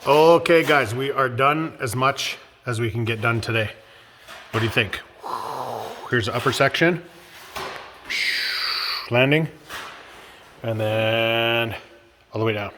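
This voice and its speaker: A man's voice: medium pitch, slow, long pauses, big-room sound, noisy background. A man with a stuffed-up nose, casually narrating a home-building vlog in an upbeat, chatty way. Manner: upbeat and chatty, laughs often. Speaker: vlog host. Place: workshop house under renovation, indoors.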